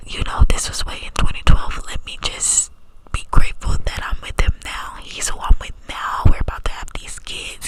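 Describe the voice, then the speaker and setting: A young woman from Texas whispering an ASMR storytime through cupped hands close to the mic, sometimes repeating phrases over and over. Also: poor audio. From small town in Texas, United States. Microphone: close ASMR mic, hands cupped around it.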